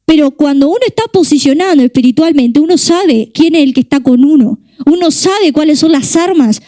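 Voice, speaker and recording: A woman's voice: high voice, dark tone, no room sound. A young woman preaching a sermon with a Rioplatense Spanish accent, impassioned and driving home her points with repeated rhetorical questions.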